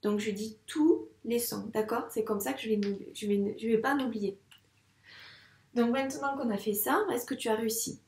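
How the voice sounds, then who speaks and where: A woman teaching young children handwriting, speaking patiently and slowly spelling words out syllable by syllable. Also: fairly high pitch, darkish tone, roomy sound, recorded from a distance. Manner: slow, patient, syllable-by-syllable dictation. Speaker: primary school teacher.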